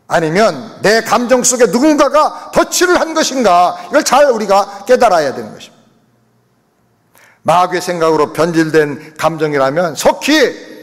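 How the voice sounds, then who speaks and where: High, lively-voiced male pastor preaching. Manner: emphatic preaching to the congregation. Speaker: senior pastor. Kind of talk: sermon. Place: church sanctuary. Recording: long reverb of a church hall.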